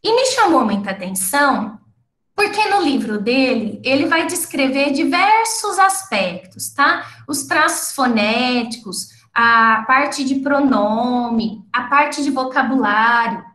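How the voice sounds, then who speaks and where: A woman with a caipira accent from inner São Paulo lectures in a high voice at an unhurried pace. She explains step by step, often pausing to check in with her listeners. The recording has a roomy, echoey sound. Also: lively intonation, pushed and bright. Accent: caipira, interior São Paulo Portuguese. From interior of São Paulo state, Brazil. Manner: explanatory, frequent tag questions. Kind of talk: online academic talk.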